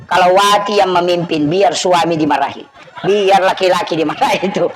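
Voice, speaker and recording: A man's voice: high voice, steady tone, normal speed, a crowd in the background, rough recording. A man with a Bugis accent preaching a humorous sermon at an evening gathering, teasing the audience and acting out scolding parents.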